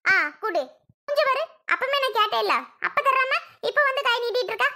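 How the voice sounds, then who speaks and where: A woman voicing a spoiled, demanding little girl who talks quickly and mockingly in a cartoon. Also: very high-pitched, animated, sharp tone, exaggerated voice. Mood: bossy. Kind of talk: cartoon voice acting.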